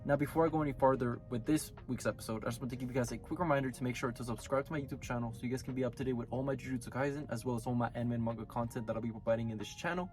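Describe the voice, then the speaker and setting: A sick man with a hoarse, raspy voice rattles through his anime review very fast, hardly pausing, in a casual, rambling style and often correcting himself mid-sentence. His pitch is an ordinary middle, his intonation fairly even, and soft music plays faintly underneath.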